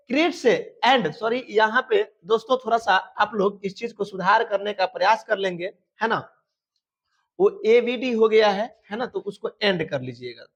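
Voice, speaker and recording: A man with a Bihari accent teaching a class, reading English verse slowly and then explaining it line by line. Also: high-pitched, lo-fi sound. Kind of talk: Hindi lecture explaining an English poem.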